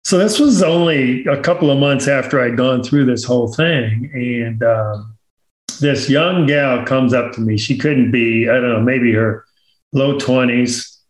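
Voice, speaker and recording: A man sharing his faith testimony as a guest in casual talk, earnest and unhurried, with many fillers. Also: medium pitch. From Omaha area. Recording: roomy echo.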